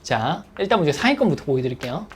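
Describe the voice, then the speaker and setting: A man's voice: a little high, quick pace, a little hiss or hum. A man lecturing as an exam prep instructor, keeps checking in with his listeners. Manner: animated, checks in with listeners, acts out students' thoughts.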